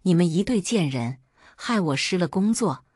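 A woman doing a furious young husband in an audiobook drama, hurling insults in a low-set voice. He is jealous and violent, always on the attack, recorded dry and close. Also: animated, normal speed, slightly rough, no room sound. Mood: enraged. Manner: shouting insults.

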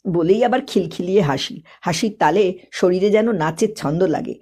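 A woman narrating a literary story in a lyrical, measured reading. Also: on the low side, mellow, breathy edge.

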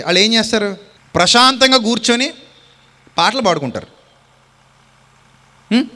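Bright-voiced man preaching in a reverberant hall. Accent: Telugu. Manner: rising to loud exhortation and dropping low, calls on the congregation to answer. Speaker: pastor. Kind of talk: sermon.

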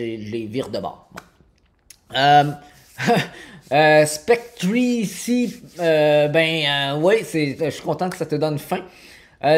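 A man in his forties from Quebec with a Québécois accent, chatting casually through a live cooking stream in his home kitchen, with many fillers, and answering viewers by name. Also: fairly high pitch. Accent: Québécois French. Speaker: cooking livestreamer. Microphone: fixed camera on counter.

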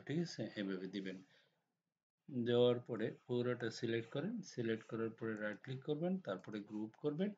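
A hoarse man with a cold walks through a design software tutorial step by step, often checking that the viewer is following. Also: medium pitch. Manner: step-by-step instructions with frequent checks like "ঠিক আছে?". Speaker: computer design instructor. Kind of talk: screen-recorded software tutorial. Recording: dull lo-fi recording with faint noise.

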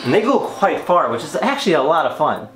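Here a toy review host in his twenties, slightly high-voiced and sing-song, moves at a fairly quick clip through an enthusiastic, informal unboxing and demonstration. Clear music sits under the echoey recording.

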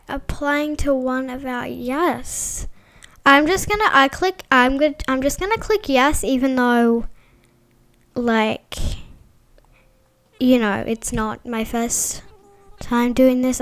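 A woman giving casual, chatty gameplay commentary as a vlogger, excitable and full of fillers. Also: high voice. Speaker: gaming vlogger.

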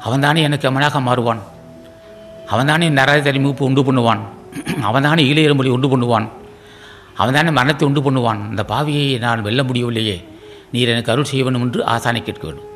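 A man giving a devotional sermon as a spiritual teacher, repeating pleading rhetorical questions and often clearing his throat. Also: medium pitch, moderate pace, pauses often, a bit bright, soft background music.

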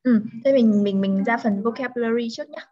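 Woman tutor, a bit high voice, says words slow and careful for a kid to copy, dull lo-fi sound. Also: mellow. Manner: slow, careful word-by-word pronunciation modeling. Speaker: English tutor. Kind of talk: one-on-one vocabulary lesson.

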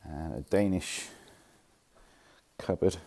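A man's voice: sits low, slow pace, gravelly, dark tone. A man casually showing pieces of furniture in a warehouse, chatty and informal, sometimes correcting himself, filmed on a handheld phone. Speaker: furniture dealer. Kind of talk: casual walkthrough of stock. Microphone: handheld phone camera.

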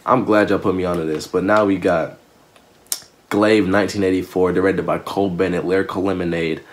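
A man's voice: low voice, steady tone, a little fast. A young man hosting a music reaction, talking in loose, slangy, emotional bursts and often addressing viewers directly. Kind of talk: casual reaction commentary.

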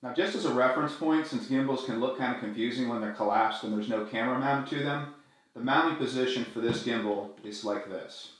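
A middle-aged man hosting a gear tutorial, walking through each step in a friendly, clear way. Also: mid-range voice, a little fast. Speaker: video tutorial host. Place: small room indoors, echoey. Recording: very echoey room.

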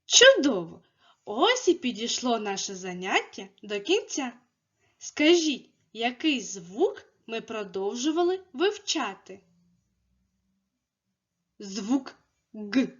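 A woman leads a children's speech lesson in a slightly high, very lively voice. She talks very slowly and spells out every sound with care as she coaxes the little ones along. The recording sounds dull and lo-fi. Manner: slow, clearly enunciated, coaxing. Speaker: preschool speech teacher.

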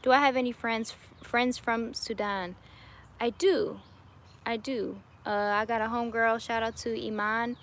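A woman's voice: a little high, steady tone, unhurried, slight background noise. A woman in her late twenties chatting casually with viewers on a livestream, upbeat and laughing often, recorded outdoors on a phone at arm's length. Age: 20s. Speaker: YouTuber answering live chat. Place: outdoors in a home garden. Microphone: webcam or phone at arm's length.

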